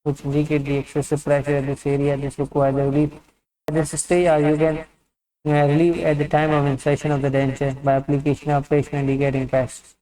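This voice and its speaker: A man's voice: on the high side, completely flat delivery, brisk, warm tone. Man explaining dental steps, roomy sound. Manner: methodical step-by-step explaining. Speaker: dental instructor. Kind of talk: instructional demonstration narration. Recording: roomy and distant from the mic.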